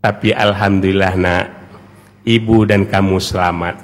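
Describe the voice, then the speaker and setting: A man's voice: fairly even intonation, measured pace. A male preacher speaking as a devoted mother who pleads with her child during a mosque sermon. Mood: tender, sorrowful. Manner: tender and pleading, with sudden swings from low murmurs to high cries. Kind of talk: Ramadan night sermon, dramatic storytelling. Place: large mosque. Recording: long echo of a large mosque hall.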